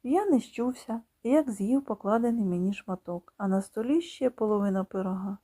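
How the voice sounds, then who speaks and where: A woman reading a children's story in slow, expressive scripted narration, sometimes dropping to a whisper. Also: medium pitch. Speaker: audiobook reader.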